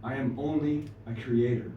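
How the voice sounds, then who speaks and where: A man voicing a calm, gentle female sky spirit, speaking softly and without hurry. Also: medium pitch, dull audio, slight background noise, lightly acted. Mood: gentle, solemn. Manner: calm, soft, unhurried. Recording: roomy live stage, distant mic.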